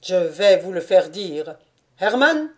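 A woman's voice: fairly low pitch, unhurried, a little mellow, natural voice. A woman voicing a stiff, proud male army officer in an audiobook, speaking firmly. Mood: commanding. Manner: firm, stern. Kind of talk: audiobook character reading.

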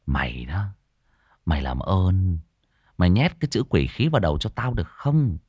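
Male reader as a stern young man, low, firm, grave. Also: lively intonation, normal speed, darkish tone, husky, no echo, clean studio sound.

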